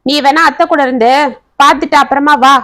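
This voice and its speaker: A woman's voice: high voice, fairly even intonation, a little fast, sharp tone. A woman voicing an impatient, grumpy middle-aged man. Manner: impatient, dismissive.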